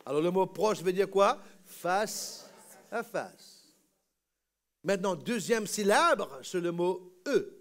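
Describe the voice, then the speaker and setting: A male pastor preaches in a church, drilling his congregation on a word and calling for them to repeat it back. His voice sits fairly high and swings widely in pitch. He takes his time, with a slow, deliberate pace. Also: lively intonation. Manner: call-and-response teaching, repeating words for the congregation. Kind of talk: sermon.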